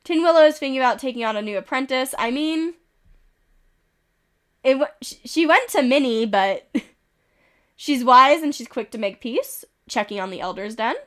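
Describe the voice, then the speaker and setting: A woman with a slightly high voice streams a game while a little under the weather. She reads in-game events aloud in a casual, chatty way, breaking off for quick amused asides. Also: expressive, a bit bright. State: a little sick, with occasional coughs.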